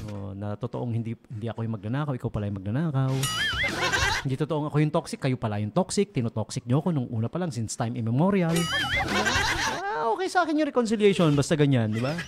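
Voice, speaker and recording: A man with a Filipino accent, a radio DJ chatting casually on air, joking and laughing often. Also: fairly high pitch. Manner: jokey, laughs often, mixes English into Tagalog. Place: radio studio.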